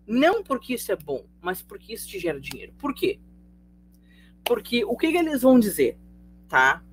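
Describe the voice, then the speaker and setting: Brazilian accent, sociology teacher, online class, chatty, rhetorical questions, checks in with students, mid pitch, faint hum. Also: big pitch swings, moderate pace. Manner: conversational, asks students rhetorical questions, tags sentences with "tá?". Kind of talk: live online class lecture.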